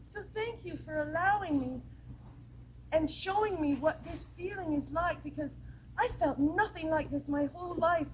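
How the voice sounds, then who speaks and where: A woman voicing a transformed witch, now a gentle grateful woman, with a soft British accent and an effusive, tearful manner. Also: very high voice, normal speed, slight background noise, pitched above the performer's own voice, rough recording. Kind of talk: storytelling to a camp audience.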